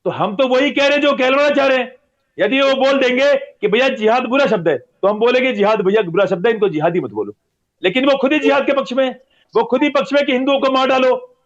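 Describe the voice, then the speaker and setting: High-pitched guy ranting hard in an interview, keeps repeating himself, muffled audio. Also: animated, fast talker. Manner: forceful, repetitive, accusatory. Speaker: religious guest. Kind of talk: heated interview answer. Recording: dull lo-fi audio.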